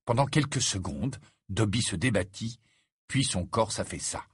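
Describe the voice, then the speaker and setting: A man narrating an audiobook with an expressive, measured reading. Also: on the low side, slightly rough, no room sound, studio quality. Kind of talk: scripted narration.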